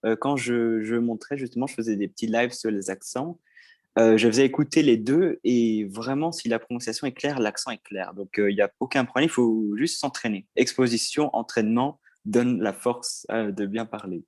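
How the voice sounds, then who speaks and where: A man's voice: mid-range voice, moderate pace, a little mellow, no echo. A man co-hosting a casual podcast, explaining things step by step with frequent hesitations. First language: not stated. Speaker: podcast co-host.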